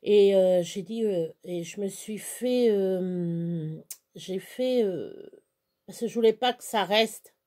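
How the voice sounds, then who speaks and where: Chatting slowly to her followers as she does her crafts, this older craft vlogger from Touraine, central France, hesitates and restarts often in a rambling, casual way. She has a mid-range voice and a warm tone.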